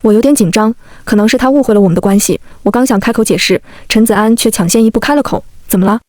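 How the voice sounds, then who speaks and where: A woman telling a first-person story in a brisk, steady reading voice. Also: a little high, dry recording, clean studio sound. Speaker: story narrator.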